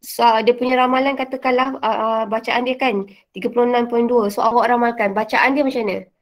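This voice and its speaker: A woman's voice: fairly high pitch, fairly even intonation, a little fast. A woman teacher with a Malaysian Malay accent, giving a casual revision lesson with many fillers and English words mixed in.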